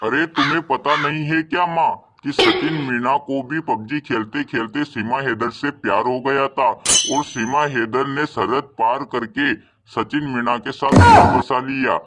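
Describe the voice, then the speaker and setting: A man's voice: medium pitch, lively intonation, a little slow, few pauses. A man voicing a lazy young son who would rather play games. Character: lazy young son, dreamy mobile gamer. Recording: loud hiss behind the voice.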